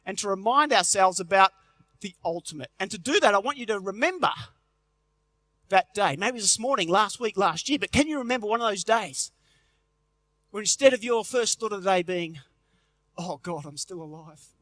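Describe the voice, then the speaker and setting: Aussie guy, middle-aged, on stage telling jokey stories, pretty high voice, dry close sound. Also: lively intonation, a little fast, a bit bright, no room sound. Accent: Australian. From Australia. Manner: jokey storytelling, punchy delivery. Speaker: motivational health speaker. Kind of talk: live conference speech. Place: large convention hall stage.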